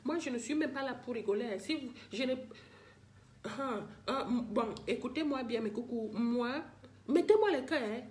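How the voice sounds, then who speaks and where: A woman's voice: on the high side, expressive, moderate pace, a little mellow. Older woman in a pleading live-stream rant. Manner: pleading, repetitive, talks straight to viewers. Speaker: livestreamer addressing viewers.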